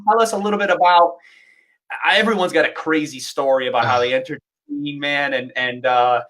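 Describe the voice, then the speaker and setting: A man's voice: fairly high pitch, brisk, sharp tone. A man hosting a dance livestream interview, enthusiastic and rambling, with many fillers and restarts. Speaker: host and dance instructor.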